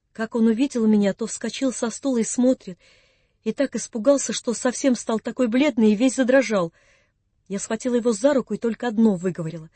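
A narrator reading classic prose for an audiobook in a soft, measured storytelling manner. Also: mid-range voice, no echo.

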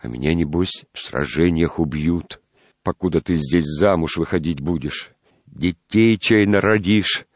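A man's voice: deep voice, unhurried, dry recording. A man reading a storybook aloud, playing a jealous, bitter young peasant recruit who talks in a sulky, trembling way.

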